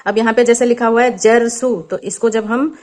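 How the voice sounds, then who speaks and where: A woman's voice: on the high side, fairly even intonation, darkish tone. Woman patiently explaining a children's worksheet. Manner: slow, patient explaining, mixing in English words. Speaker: teacher and channel host.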